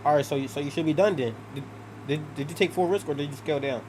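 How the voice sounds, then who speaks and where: A brash man hosting a live trading stream rattles off boasts and insults at high speed. His talk is loaded with swearing. A clear hiss of noise sits under the stream audio. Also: fast talker. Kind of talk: casual trash-talking banter.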